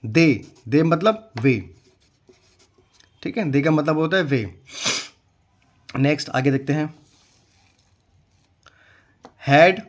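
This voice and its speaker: A young man leads a slow, patient reading lesson, spelling each English word letter by letter before saying it. He repeats words often and checks in with a steady "okay". His voice sits a little high for a man. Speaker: English teacher.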